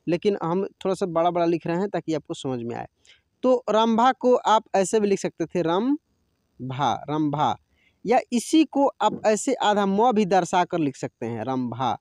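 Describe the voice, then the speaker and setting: A man's voice: sits high, very animated, moderate pace, a little mellow, no echo, clean studio sound. A man teaching a Hindi reading lesson over a screen recording, patiently repeating each word aloud.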